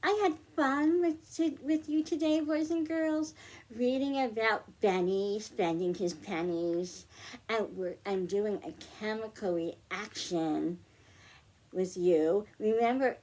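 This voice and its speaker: Slow and a little mellow, this mid-range female voice belongs to a children's librarian leading a science storytime. She patiently breaks a hands-on demonstration into simple steps.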